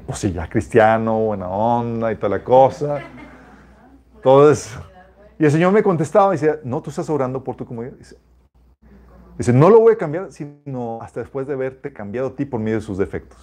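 A man's voice: mid-range voice, animated, a little fast, dark tone. A man giving an informal, conversational sermon built on personal testimony, calling his listeners "chicos" and breaking into laughter. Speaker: preacher.

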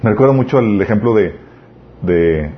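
A man's voice: lowish voice, lively intonation, moderate pace. A man preaching a sermon, earnest and full of rhetorical questions. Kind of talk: sermon on parenting. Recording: slightly dull lo-fi recording with faint noise.

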